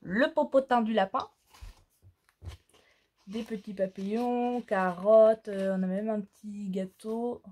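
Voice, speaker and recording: Slow, hesitant woman showing crafts. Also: medium pitch, steady tone, warm tone. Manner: slow, hesitant, many fillers. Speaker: crafting vlogger. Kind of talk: casual haul show-and-tell.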